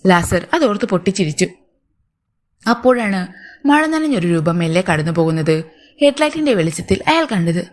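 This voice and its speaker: A woman's voice: lowish voice, very animated, moderate pace, long pauses. A woman narrating a story, reading all the characters' lines in her own voice.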